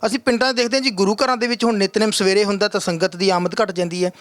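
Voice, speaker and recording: Fast, high-voiced male interviewer. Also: fairly even intonation, a bit bright, no echo. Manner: eager, rapid questioning. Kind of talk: news channel interview.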